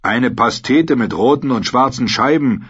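A man's voice: mid-range voice, lively intonation, unhurried, fairly bright tone, breathy edge, pitched above the performer's own voice. A man voicing a blunt, mocking sellsword in a storybook reading. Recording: dull lo-fi audiobook recording.

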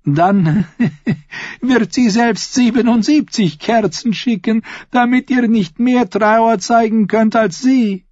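A man's voice: fairly high pitch, a little slow, darkish tone, no echo, pitched above the performer's own voice. A man reading an audiobook and voicing a sly, teasing court lady. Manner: playful, teasing. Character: sly, giggling court lady, a grown woman. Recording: slightly dull, dry recording.

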